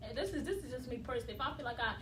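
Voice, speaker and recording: A woman's voice: high voice, rapid-fire, reverberant, far from the mic, noisy background. A woman co-hosting a casual chat, blunt and crude, laughing a lot.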